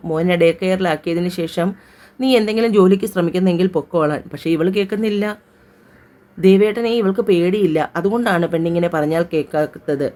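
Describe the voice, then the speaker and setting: A woman's voice: fairly low pitch, a little mellow, lightly acted. A woman voicing a young woman who lectures and teases her friend, in an audio story. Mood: flustered. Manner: lecturing, teasing. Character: young woman, bossy elder-sister type adviser.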